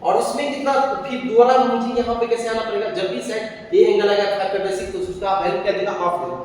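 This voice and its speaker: A man's voice: high-pitched, steady tone, fast. A man teaching a maths lesson, explaining step by step and answering his own questions. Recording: echoey room, far from the mic, faint noise.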